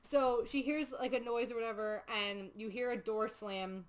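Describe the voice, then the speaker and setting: A young woman hosting a podcast, retelling a film in casual, animated chat with lots of fillers. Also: fairly high pitch, moderate pace, low-quality recording. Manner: chatty, animated storytelling with many fillers. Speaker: podcast host. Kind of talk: casual movie recap chat.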